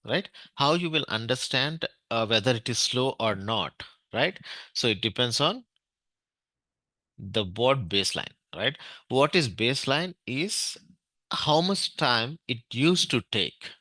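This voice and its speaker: An Indian English-accented man leads an online technical class, walking through each step and often pausing on "right?". His voice is bright and fairly forceful. The sound is dry and close, with no room around it. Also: mid-range voice, dry recording. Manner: explains step by step, checks in with "right?", many fillers. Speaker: database administration trainer.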